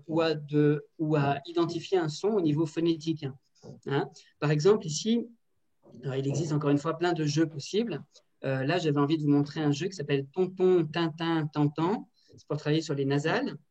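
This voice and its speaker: A woman teacher trainer leading an online workshop, lively and directive, often checking in with the group over a video call. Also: low voice. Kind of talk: online workshop on classroom activities. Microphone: computer mic on a video call. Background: building works next door.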